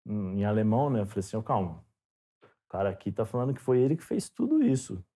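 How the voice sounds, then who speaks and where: A Brazilian former footballer, a guest on a podcast, telling stories in a relaxed chat and acting out the dialogue as he goes. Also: lowish voice, quick pace, breathy edge. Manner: animated storyteller, acts out dialogue. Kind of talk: casual storytelling interview.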